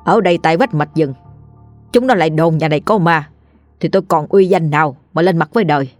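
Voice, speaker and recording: A woman's voice: low voice, a little fast, no room sound, soft background music, natural voice. A woman voicing a blustering old village chief who bosses and puffs himself up. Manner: blustering, bossy.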